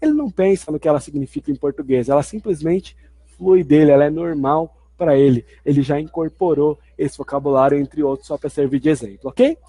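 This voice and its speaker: A man's voice: on the high side, a little fast, mellow, slightly rough, no echo. A man teaching a video lesson in an explanatory way, restating each point twice. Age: adult. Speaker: language teacher.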